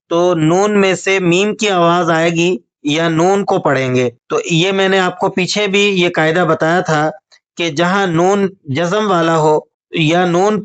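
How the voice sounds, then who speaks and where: A man teaching a tajweed lesson, patiently explaining rules and reciting examples slowly. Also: on the high side, a bit bright.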